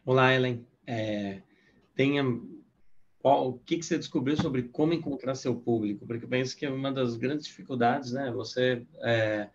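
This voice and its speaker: A middle-aged man judging a pitch on a video call from an office, thoughtful and musing. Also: steady tone, moderate pace. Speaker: judge asking questions. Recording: dull, slightly noisy video call audio.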